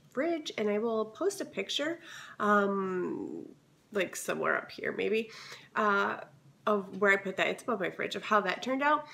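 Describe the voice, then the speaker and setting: A woman's voice: mid-range voice, fairly bright tone. A woman vlogger with a scratchy voice, chatting enthusiastically through a haul video. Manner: chatty and enthusiastic, many fillers.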